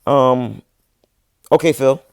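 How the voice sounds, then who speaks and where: This livestream host and musician in his thirties speaks slowly at a medium pitch, with vocal fry and a darkish, clear, resonant tone, recorded as clean studio sound with no room noise. He answers viewers casually in relaxed slang, mentions he's losing his voice, and keeps starting over.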